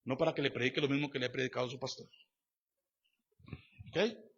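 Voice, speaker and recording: A husky male pastor with a medium pitch and fairly even intonation preaches briskly, emphatic and repetitive, veering between loud declarations and quiet asides. Rhetorical questions go straight to the congregation, and the church recording is dull and lo-fi.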